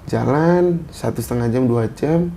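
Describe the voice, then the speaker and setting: A man's voice: medium pitch, a little slow, vocal fry, warm tone, slight background noise. A man from Indonesia telling a story in a casual chat, in short bursts of phrases. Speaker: guest storyteller.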